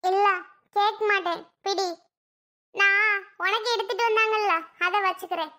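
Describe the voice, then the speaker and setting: A woman voicing a meek, gentle little girl who speaks softly and politely in a cartoon. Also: very high voice, fairly even intonation, moderate pace. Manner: soft, yielding, polite. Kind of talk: cartoon voice acting.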